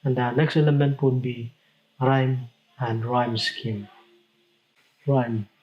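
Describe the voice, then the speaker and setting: A man's voice: medium pitch, fairly even intonation, slow, highs cut off. A man teaching a recorded lesson, explaining step by step and sometimes stopping to correct himself. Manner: explanatory, with self-corrections and restarts. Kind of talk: recorded lecture.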